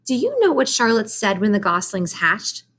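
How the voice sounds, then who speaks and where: A woman's voice: mid-range voice, sing-song, moderate pace, a bit bright. A woman voicing an earnest, chatty young farm girl from a storybook in an eager, matter-of-fact manner. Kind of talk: storybook character voice.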